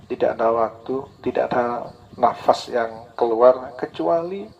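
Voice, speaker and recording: A man's voice: mid-range voice, unhurried. A man preaching a sermon, earnest and repetitive, acting out tearful prayers now and then. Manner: earnest, repeats key phrases, acts out tearful prayers. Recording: dull lo-fi recording with faint hiss.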